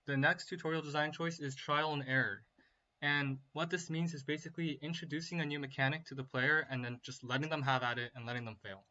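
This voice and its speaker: Bright-voiced man lecturing, dull recording. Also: mid-range voice. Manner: lecturing, explanatory with casual asides. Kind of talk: lecturing on game design, semi-casual.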